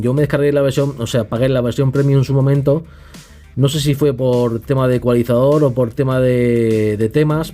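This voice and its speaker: A tech reviewer with a Castilian Spanish accent from Spain gives a casual, unscripted app review in a warm, mid-range voice. He often tags his phrases with little questioning checks.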